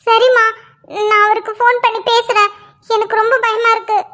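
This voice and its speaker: A woman voicing a fretful pregnant young wife, very high and bright. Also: little pitch movement, a little fast. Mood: anxious. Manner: fretful, pleading. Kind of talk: cartoon voice acting.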